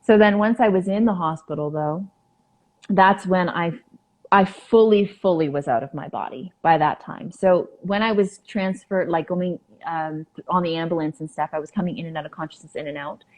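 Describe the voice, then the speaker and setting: On a podcast, a female guest recounts a personal experience in a sincere, hesitant manner, leaning heavily on fillers. Her pitch is fairly low.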